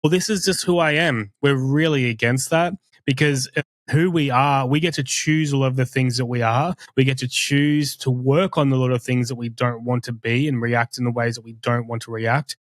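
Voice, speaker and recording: A man's voice: medium pitch, flat delivery, dry recording, clean studio sound. A man co-hosting a podcast, speaking candidly and earnestly with frequent restarts. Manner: earnest, confessional, halting with restarts. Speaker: podcast co-host. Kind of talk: candid conversational podcast talk.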